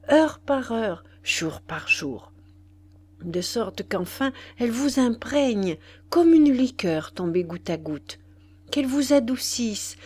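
An ardent young lover pleads in a soft, insistent voice, as a woman reads him aloud. His words come slowly and carefully, pressing and passionate, in an audiobook. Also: medium pitch. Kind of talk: audiobook character voice.

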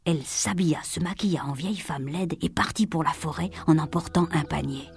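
A woman with a fairly low voice reads a fairy tale aloud. She narrates expressively, slipping into whispers at tense moments, with faint music behind. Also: fairly quick, vocal fry, breathy edge, no echo, studio quality. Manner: expressive, dropping to whispers for suspense. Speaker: storyteller. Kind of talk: storybook narration.

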